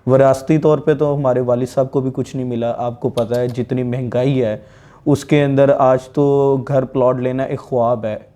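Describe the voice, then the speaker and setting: A man recounts his grievance in careful detail during an interview. His voice is warm and relaxed, at a middling pitch for a man. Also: moderate pace. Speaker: interviewee, affected plot buyer. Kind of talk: interview testimony.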